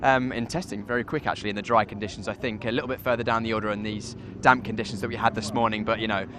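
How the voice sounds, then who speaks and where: Race commentator guy, rattles off analysis fast, mid pitch, faint outdoor noise. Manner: relaxed, analytical. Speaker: race commentator and former driver.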